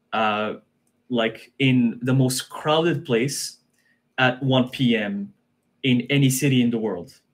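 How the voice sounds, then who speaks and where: A man talking casually in a live-stream conversation, relaxed, laughing often and repeating his phrases. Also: medium pitch. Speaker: guest practitioner.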